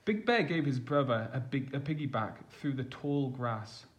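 Like a teacher reading to a class, a man with a medium-pitched voice reads a children's storybook aloud. He is expressive and deliberate, putting stress on the action words.

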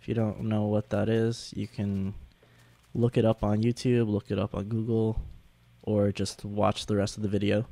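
A young man giving halting, casual gameplay commentary, sounding sick with a sore throat and swollen tonsils. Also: fairly low pitch, gravelly, dark tone, no room sound. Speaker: gaming video host.

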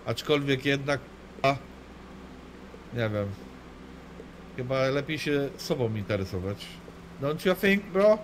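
A man's voice: mid-range voice, lively intonation, slow pace, pauses often, a little hiss or hum. A man streaming a video game live, cursing constantly as he banters with chat and his teammate. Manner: crude, swears constantly, banters and mocks. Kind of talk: live gaming commentary.

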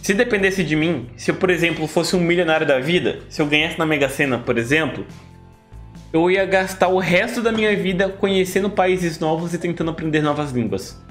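A man's voice: a little high, a little fast, fairly bright tone, soft background music. A young Brazilian man hosting a react video, chatting casually and enthusiastically, rambling with frequent restarts. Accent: Brazilian Portuguese. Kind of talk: casual chat.

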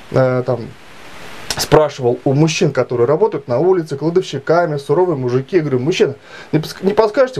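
A man in his late thirties telling a grievance story to camera in a halting, filler-heavy way. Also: fairly high pitch, dark tone. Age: 30s. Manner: halting, many fillers and restarts, aggrieved retelling. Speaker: vlogger. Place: small indoor room.

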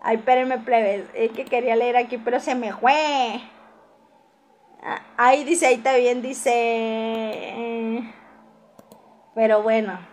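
A woman's voice: fairly high pitch, fairly even intonation, slow pace, long pauses, slight background noise. A woman hosting a casual gossip livestream, reading viewer comments aloud and answering them with teasing asides and frequent laughs.

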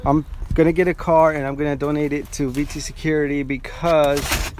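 A man live-streaming a vlog from an outdoor car auction, chatting excitedly with viewers and thanking them over and over. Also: a little high, normal speed, background noise. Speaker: vlogger.

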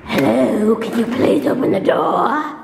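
A woman putting on a gruff joke voice, heard muffled through a closed door as she asks to be let in. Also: a little high, a little slow, a little mellow, reverberant, long reverb tail, a little hiss or hum. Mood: playful. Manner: gruff put-on voice.

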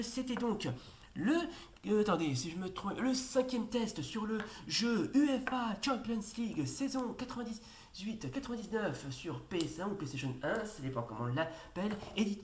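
Excitable woman commenting on her game. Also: on the low side. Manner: excitable, shouts at the referee, many hesitations. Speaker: let's play host. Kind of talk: let's play football commentary. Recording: roomy echo, faint noise.

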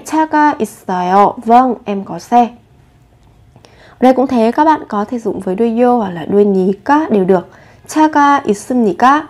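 Higher-voiced woman teaching Korean. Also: darkish tone. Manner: asks rhetorical questions, models Korean phrases slowly. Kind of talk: explaining Korean phrases in Vietnamese.

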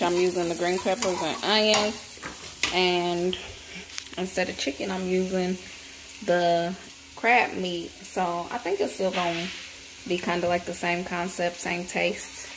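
Woman, 30s, low-ish easygoing voice, home-kitchen cooking vlog on a close phone mic. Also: noisy background. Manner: relaxed, chatty, talks to viewers as y'all. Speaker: home cook vlogger. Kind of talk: casual cook-with-me chat. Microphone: phone camera held close.

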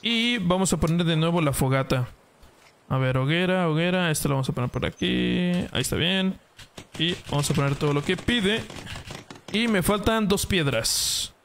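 A man's voice: fairly high pitch, animated, moderate pace, fairly bright tone, slight background noise. A young man streaming a video game live, chatting casually, yelping at setbacks and greeting viewers by name. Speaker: gaming streamer. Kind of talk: casual live gameplay commentary.

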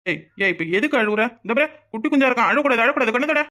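A boastful young village husband brags and fusses over his wife in a swaggering, playful manner, as a voice actor puts him on. He talks fast with a bright, forward tone and a southern Tamil accent. He is a cartoon laborer who is proud of his strength. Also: medium pitch, lively intonation. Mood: cocky. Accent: southern Tamil (Tirunelveli). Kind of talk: cartoon voice acting.

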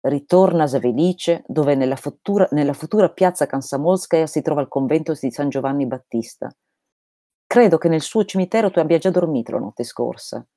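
Woman reading a wild holy fool guy, mellow tone but pushy and emphatic, dry sound. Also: sits low, expressive, brisk, no room sound. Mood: preaching. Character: eccentric, vehement male holy fool. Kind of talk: reading a novel aloud.

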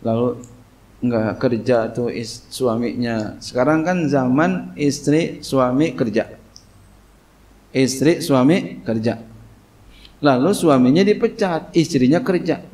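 A man of medium pitch and a slightly mellow tone teaches Quranic commentary as an Islamic cleric. This kitab study sermon has him reading Arabic slowly, then explaining informally in Indonesian with plenty of "ya."

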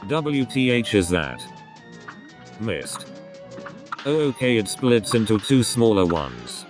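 A male text-to-speech voice reading casual let's play commentary, with an even machine delivery. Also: on the low side, slow pace. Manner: evenly paced machine reading of casual gaming banter. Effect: text-to-speech synthetic voice. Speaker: gaming channel host. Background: video game music.

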